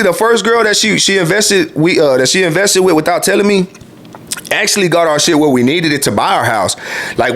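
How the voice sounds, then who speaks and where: A man in his late twenties, once a truck driver, shares his personal story casually, swearing freely and repeating "you feel me." throughout. He has a somewhat high, slightly bright voice.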